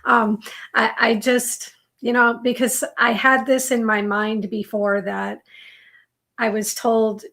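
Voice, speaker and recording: A woman's voice: a little high, level tone, takes it slowly, a bit bright. A woman tarot reader talking casually on a live stream, with her voice slightly giving out.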